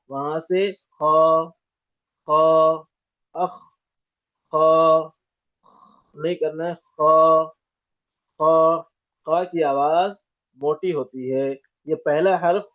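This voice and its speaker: Man teaching letter sounds over tinny audio. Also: on the high side. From India. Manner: demonstrates letters by sounding them out repeatedly; corrects common student mistakes firmly. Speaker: Quran recitation teacher. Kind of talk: step-by-step pronunciation lesson.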